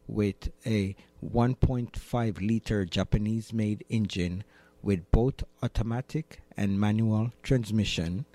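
A man presents on radio, reading from a script in a fairly low voice. He takes his time, and the tone is bright and forward. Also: no room sound. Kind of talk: scripted facts and weather reading.

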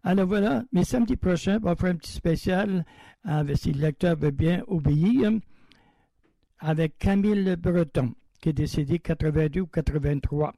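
Male radio host, dry close sound, warm dark tone, loose and chatty delivery. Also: a little high, normal speed, creaky, no echo, low-quality recording. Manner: chatty, reads a news item then comments loosely. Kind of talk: casual radio presenting.

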